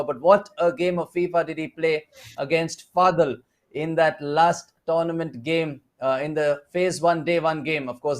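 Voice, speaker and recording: A man with an Indian English accent giving excitable live play-by-play commentary on an esports football match. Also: on the high side. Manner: excitable play-by-play, rising on big chances.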